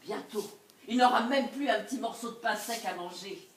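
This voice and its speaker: An actress playing a scheming, vengeful jilted wife in a live stage comedy, laughing and swinging between loud outbursts and low asides. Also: female voice, moderate pace, lightly acted. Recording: echoey stage recorded from far off.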